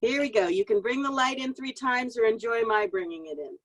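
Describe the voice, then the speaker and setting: A woman's voice: a little high, a little fast, poor audio. A woman leading Shabbat services over a video call, speaking heartfelt and emotional, close to tears. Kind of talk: heartfelt spoken Shabbat reflection. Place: home meditation and prayer room.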